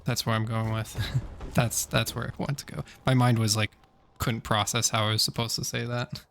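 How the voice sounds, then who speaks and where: A man's voice: medium pitch, flat delivery, normal speed, vocal fry, fairly bright tone, a little hiss or hum. A man with a slightly sore throat chatting casually on a gaming stream, rambling and correcting himself with many fillers.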